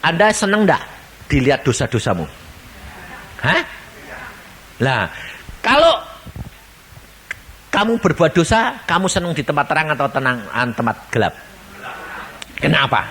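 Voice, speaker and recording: Brief: male evangelist, lively pitch, faint room hiss behind. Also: unhurried, pauses often. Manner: animated, questioning the congregation. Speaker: evangelist preacher. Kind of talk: sermon.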